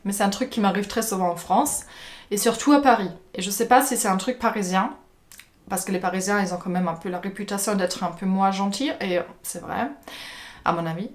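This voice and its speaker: A woman's voice: mid-range voice, a little fast. A woman from Germany with a German accent, telling personal stories casually to her viewers, with many hesitations and repeated words. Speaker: vlogger. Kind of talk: casual personal storytelling to camera.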